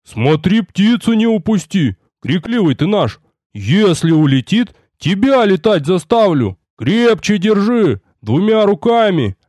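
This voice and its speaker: A man's voice: sits high, very animated, a little slow, a little mellow, no room sound, voice pushed up, exaggerated voice. A man voicing a big, bossy man who scolds and grumbles. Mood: scolding.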